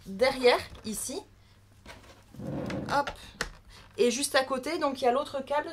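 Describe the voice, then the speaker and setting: A woman from France giving casual, chatty unboxing commentary, thinking aloud as she handles a new crafting machine. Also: on the high side. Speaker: crafting vlogger.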